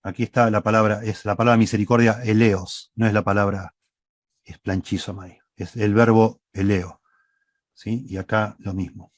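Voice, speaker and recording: A man's voice: fairly low pitch, flat delivery, normal speed, dry recording. A man with a Rioplatense Spanish accent preaching a sermon in a church, reading scripture and explaining it while rephrasing and checking in with tag questions. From Argentina. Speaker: pastor.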